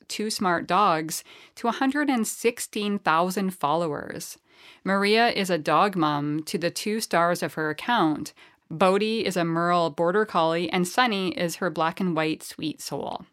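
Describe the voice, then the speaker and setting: A podcast host who also trains dogs introduces and interviews a guest with enthusiasm, chatting freely with fillers and restarts. Her voice is on the low side, unhurried, and fairly bright in tone.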